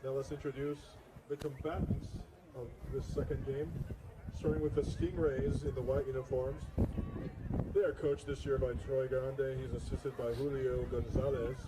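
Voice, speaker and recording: A man working as stadium announcer, introducing players over a public address in a steady, formal cadence. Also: medium pitch, normal speed. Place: outdoor soccer field. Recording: loud outdoor noise.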